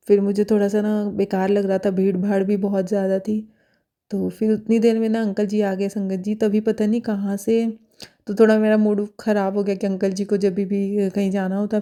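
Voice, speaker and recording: A young woman speaks casually about her devotional experiences. Her delivery is hesitant and full of fillers and pauses. Her voice stays level and flat, with a dark, mellow tone. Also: mid-range voice. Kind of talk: casual testimonial talk.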